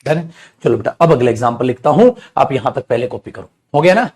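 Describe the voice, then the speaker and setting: A male English teacher giving a live online grammar class, explaining with rhetorical questions, reading example sentences very slowly and calling the students beta. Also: mid-range voice, expressive, a little mellow, breathy edge. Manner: addresses students affectionately as beta.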